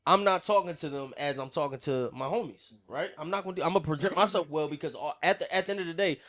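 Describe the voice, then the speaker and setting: A man's voice: a little high, fast, fairly bright tone. A young man speaking in a casual podcast discussion. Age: young adult.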